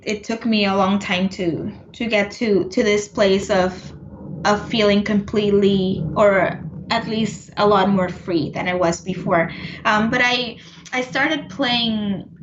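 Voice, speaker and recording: Composer lady from puerto rico, mid-pitch, kinda muffled echoey sound, lots of um and restarts. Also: a bit bright, slight background noise. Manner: thoughtful, many restarts and fillers. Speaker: composer, interview guest. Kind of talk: casual interview conversation.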